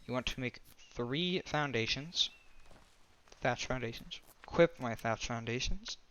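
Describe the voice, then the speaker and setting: A man's voice: mid-range voice, pushed and bright. A man giving a casual voice-over game tutorial, rambling and often restarting or correcting himself. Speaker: gaming tutorial creator.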